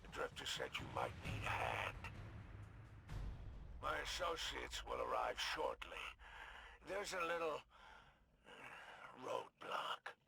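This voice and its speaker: Spider, a gravelly alien crime boss. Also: male voice, mid-range voice, huge pitch swings, pushed and bright, exaggerated voice. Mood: sly. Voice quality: gravelly, hissing half-whisper. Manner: smooth, slow, ingratiating. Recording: game cutscene audio with ambient noise.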